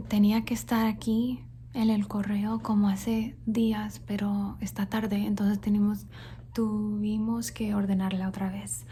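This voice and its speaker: A woman's voice: medium pitch, a little hiss or hum. Whispering Colombian-born woman, ASMR ramble. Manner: soft whisper, switching between Spanish and English, repeating words for tingles. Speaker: ASMR creator. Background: faint thunderstorm sounds.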